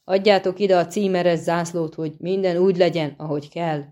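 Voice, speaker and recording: A woman's voice: fairly low pitch, steady tone, highs cut off, close to an everyday voice. A woman doing a bellowing boastful dwarf herald. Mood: proud. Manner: loud, bellowing, cocky.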